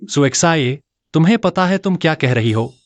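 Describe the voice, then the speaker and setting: An actor in a dubbed short drama playing a calm, protective young male student with a cool, controlled manner. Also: on the high side, moderate pace, no echo, natural voice. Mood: gentle.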